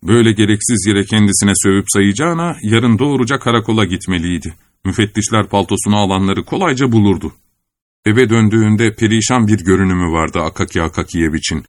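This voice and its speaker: A man narrates a literary story in a measured, even audiobook delivery. His voice sits fairly low. The recording is dry and close, with no echo.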